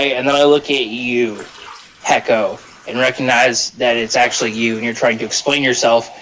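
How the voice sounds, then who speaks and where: Slow, deliberate male player. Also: medium pitch, fairly bright tone, low-quality recording. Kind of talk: narrating his character's actions.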